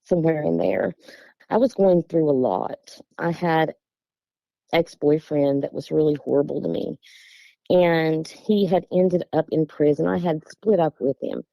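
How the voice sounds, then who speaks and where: Low-voiced Appalachian woman telling her story. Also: expressive, a little slow, gravelly, no room sound. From West Virginia, USA. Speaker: guest telling a personal sighting story. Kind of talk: casual personal storytelling. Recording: dull, lo-fi, dry close sound.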